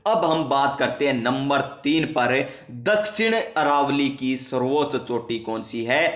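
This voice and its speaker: A man's voice: mid-range voice, unhurried, a bit bright, echoey room. A male teacher giving an exam-prep geography lesson, asking and answering his own questions and repeating key facts. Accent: Rajasthani.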